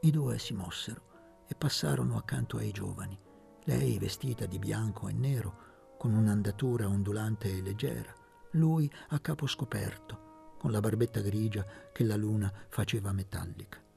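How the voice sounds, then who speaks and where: A man reading a literary novel aloud in a measured, expressive narration. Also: fairly low pitch, vocal fry, soft background music. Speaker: audiobook reader.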